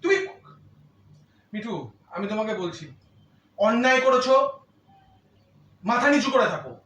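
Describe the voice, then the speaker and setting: A man's voice: very high-pitched, unhurried, a bit bright, reverberant, distant mic, a little hiss or hum. A man with a Bengali accent, a husband arguing indignantly with his wife, scolding her and repeating himself. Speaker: husband in a prank video. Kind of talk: heated domestic argument.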